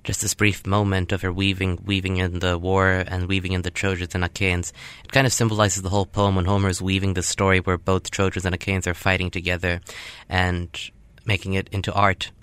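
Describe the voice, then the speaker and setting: Low, even-voiced man reading aloud. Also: brisk, clean tone, no echo. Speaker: host reading classic literature.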